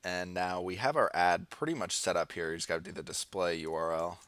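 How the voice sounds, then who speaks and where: Low-voiced and brisk, with a fairly bright tone and no echo, an American man leads an informal screen-share tutorial on online marketing. He narrates his thoughts as he demonstrates each step, partly improvising along the way.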